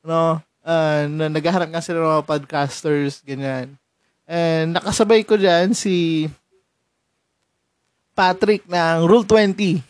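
A man's voice: on the high side, fairly even intonation, slow, long pauses, dry recording. Chatty young Filipino man, dry mic. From San Mateo, Rizal, Philippines. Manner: chatty, laughs often, switches between Tagalog and English. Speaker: podcast host. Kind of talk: casual podcast chat.

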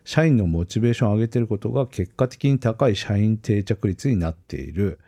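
A man's voice: on the low side, lively intonation, brisk, creaky, warm tone, dry recording. A man co-hosting a casual tech podcast, laughing often and telling stories with animation. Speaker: podcast co-host.

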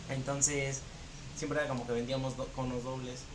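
A man with a Mexican Spanish accent, a podcast guest telling laughing stories about a fast food job. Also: mid-range voice, flat delivery, far from the mic, noisy background. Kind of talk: casual chat.

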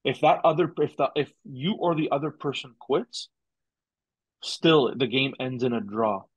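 A man's voice: mid-range voice, measured pace, slightly rough, dry recording, highs cut off. A young man chatting casually as a podcast guest, rambling with lots of fillers and restarts. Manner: rambling, heavy use of "like" and restarts. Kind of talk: casual chat.

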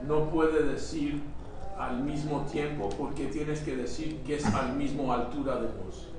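A man's voice: a little high, steady tone, measured pace, darkish tone. A man in a class pressing the teacher with questions. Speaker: student. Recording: far off in an echoey room with people around.

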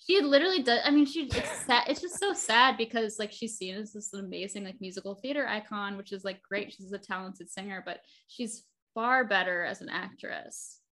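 Bright-voiced woman chatting casually on a podcast. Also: medium pitch, moderate pace, hardly any pauses. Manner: gushing, slangy, heavy use of "like". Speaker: podcast co-host.

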